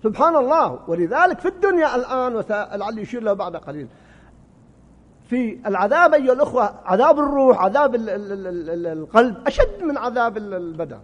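A high-voiced male preacher delivers an impassioned sermon, his voice swinging widely between soaring peaks and low murmurs. He sometimes stumbles and repeats a word before pushing on. The recording is muffled, with a long reverb from a large hall. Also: very animated, quick pace. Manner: impassioned, rising and falling.

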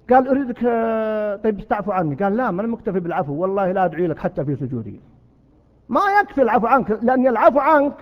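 Male preacher, very high and rapid, storytelling sermon, long hall reverb. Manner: storytelling, acts out quoted exchanges. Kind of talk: sermon to a gathering. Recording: long reverb, dull lo-fi sound.

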